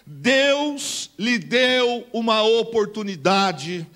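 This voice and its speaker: A male Brazilian pastor preaching with a high voice. He mixes emphatic declarations with casual slang and calls on the congregation to repeat after him. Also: animated, very slow, fairly bright tone. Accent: Brazilian Portuguese. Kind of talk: Pentecostal sermon.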